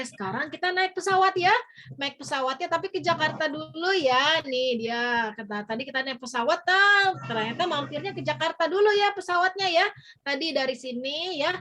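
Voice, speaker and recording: A woman's voice: sits high, fairly bright tone. A woman teacher leads young children on a virtual field trip over a video call. She sounds cheerful and coaxing, and ends nearly every phrase with a questioning "ya". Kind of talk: online lesson for young children. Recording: noisy online call audio.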